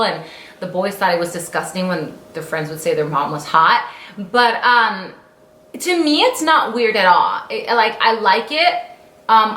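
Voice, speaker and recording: A woman's voice: mid-range voice, fairly bright tone. Chatty woman in her late thirties. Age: 30s. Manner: rambling, many fillers and restarts. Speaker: vlogger. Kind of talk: casual story-time chat. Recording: roomy echo.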